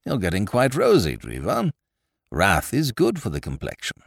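A man voicing a cool, sardonic gentleman gambler who drawls his insults. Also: on the low side, huge pitch swings, normal speed, vocal fry, dry recording, studio quality, full character voice. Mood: sneering.

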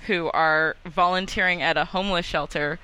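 A woman hosting a casual TV recap chat on a headset mic, chatty and quick to giggle, with lots of fillers. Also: on the low side, fairly even intonation, sharp tone, clean tone, low-quality recording. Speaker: aftershow host.

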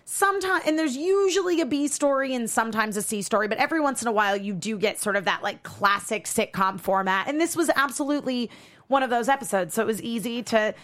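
A woman's voice: a little high, animated, quick pace, fairly bright tone. A woman co-hosting a podcast, recapping an episode in casual chat, rambling with lots of fillers and restarts. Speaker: podcast co-host.

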